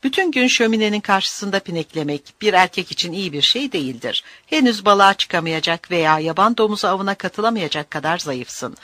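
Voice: mid-range voice, bright, forceful tone, no room sound. A narrator doing a scornful old village elder. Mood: lecturing. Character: older cruel male village elder.

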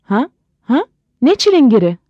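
A woman's voice: lowish voice, animated, moderate pace, no room sound, dull audio, lightly acted. A woman voicing a heartbroken, drunk middle-aged German husband who rants and sobs in a storybook reading. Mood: ranting. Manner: sobbing, ranting, then gushing.

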